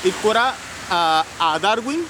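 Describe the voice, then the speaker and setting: A man from Cuba, a native Spanish speaker, talking casually in halting French with a Cuban Spanish accent, repeating words for emphasis. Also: high voice, lively intonation. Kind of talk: casual street discussion. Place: outdoors in a city. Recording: noisy outdoor urban street with traffic.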